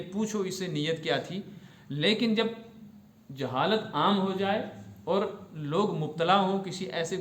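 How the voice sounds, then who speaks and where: In an echoey room, a man gives a religious lesson, walking through rulings one step at a time and checking that his students have understood. He's a religious teacher whose voice sits high.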